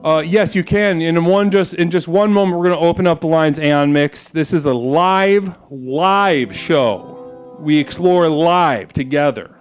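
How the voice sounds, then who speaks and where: Soft music plays behind a man whose slightly high voice is smooth and unhurried. Hosting a mock spiritual livestream as a self-styled spiritual leader, he rambles through a mock-solemn comic monologue riddled with stammers and crude asides.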